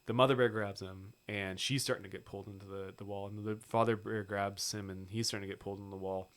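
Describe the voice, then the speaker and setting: A man co-hosts a film podcast and recaps the plot in loose, casual chat. His voice sits somewhat low, and he swears freely as he goes. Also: steady tone, quick pace, a bit bright. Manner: swears freely, acts out movie lines. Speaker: podcast co-host.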